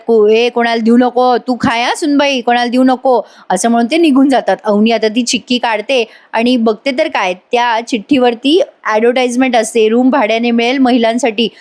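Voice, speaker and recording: A woman giving a chatty, animated voice-over recap of a TV serial episode. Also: on the high side. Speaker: TV serial reviewer. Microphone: voice-over mic.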